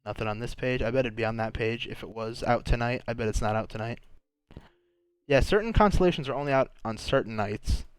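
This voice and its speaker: In casual gameplay commentary, a young man hosting a gaming channel speaks in a medium-pitched, clear, resonant voice, a little fast, with no room sound. Though his throat is sore, he keeps thinking aloud, often restarting his sentences.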